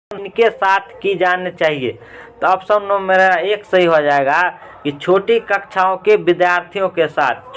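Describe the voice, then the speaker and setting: A man teaching in who reads out exam questions one by one, gives the correct option, then asks and answers his own questions to repeat it. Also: high-pitched. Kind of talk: reading out and explaining exam answers.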